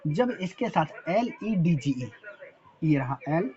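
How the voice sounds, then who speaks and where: A man's voice: on the high side, big pitch swings, slow, warm tone, dull audio. Hindi-accented man drilling English words. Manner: repeats quiz questions and answers, spells words letter by letter. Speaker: English teacher. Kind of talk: spoken-English lesson at a board.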